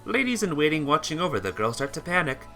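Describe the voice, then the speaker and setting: A man with a bright, slightly high voice reads a visual novel aloud in an informal, amateur way, his intonation lively. He talks fast, stumbling over words and rereading phrases now and then, while faint music plays behind him.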